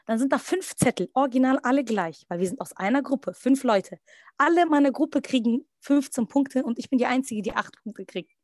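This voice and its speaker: A woman's voice: high voice, normal speed, no echo, studio quality. Young woman telling a story casually. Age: young adult. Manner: lively, quotes others in little acted asides. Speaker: podcast guest.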